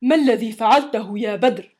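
A woman voicing a mild, weary father in a children's story, speaking calmly and placatingly. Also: on the high side, brisk, lightly acted.

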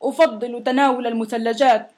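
Reading a storybook, a woman voices a big, sulky, sick male monster, grumbling in a whiny, complaining way and getting loud when he shouts demands. Her natural voice is a little high and a little fast.

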